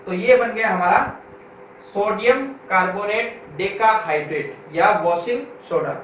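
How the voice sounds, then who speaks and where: A man's voice: sits high, fairly bright tone. Male chemistry teacher in an echoey room. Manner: asks the class questions and answers them himself, slowly repeating key terms; reads English textbook lines slowly, word by word. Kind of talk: classroom lecture. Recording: echoey room from far off, with faint noise.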